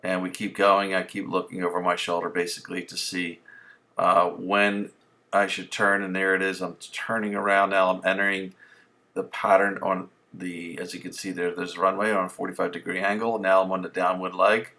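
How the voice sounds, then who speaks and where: A man's voice: low voice, flat delivery, moderate pace, sharp tone. A man who is a student pilot, casually explaining his flight in a voice-over. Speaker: student pilot, vlog host.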